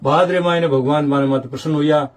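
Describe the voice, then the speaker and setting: An older man with a Marwari accent tells a saint's legend as devotional storytelling, chanting verses slowly between his plain narration. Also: on the high side, fairly even intonation. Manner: slow chanting delivery of couplets. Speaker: saint narrating temple history.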